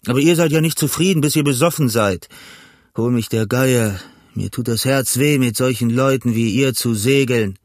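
A cunning older pirate cook lectures his crew in a gruff, blustering voice, as a man reads him in an audiobook. The pitch sits mid-range for a man, and the recording is dry with no room sound. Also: moderate pace, dry recording, natural voice. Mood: lecturing. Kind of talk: audiobook reading.

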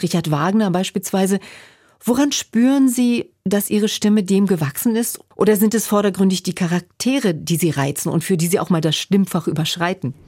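A woman's voice: mid-range voice, a little mellow. A woman radio interviewer asking composed, well-phrased questions. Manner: composed, articulate, polished phrasing.

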